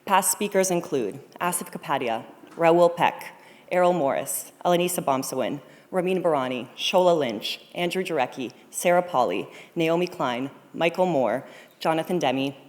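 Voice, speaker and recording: Speaking low and animated at a normal speed, this slightly mellow-voiced woman hosts a conference and gives its scripted opening welcome. As co-programmer, she introduces the event on stage in a big studio auditorium, where the sound echoes with a long reverb.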